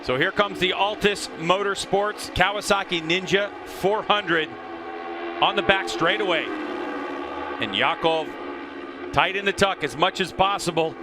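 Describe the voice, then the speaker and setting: A man working as a motorsport commentator, calling a race live with animated play-by-play. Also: sits high, measured pace. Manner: animated play-by-play calling, rising to shouts at action.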